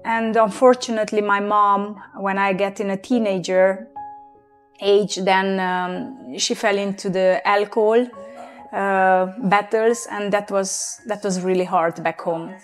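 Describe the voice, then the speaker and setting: Halting Transylvanian Hungarian woman in English. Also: mid-range voice, fairly even intonation, faint music behind. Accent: Hungarian-Romanian. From Romania, Transylvania. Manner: halting, many fillers and restarts. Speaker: guest. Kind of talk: personal testimony interview.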